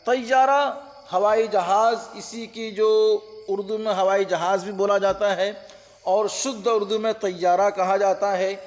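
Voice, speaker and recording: A man's voice: high voice, fairly even intonation, unhurried, long reverb tail. A man teaching an online exam-prep lesson on translation, patient, repeating terms and checking that listeners follow. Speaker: Urdu-Hindi translation teacher.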